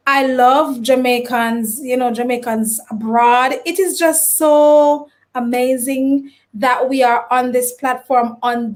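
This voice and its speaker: Lady hosting a live stream, high voice, bubbly, reading out viewer comments. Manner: animated, greets and reads out viewer comments. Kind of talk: casual live stream interview.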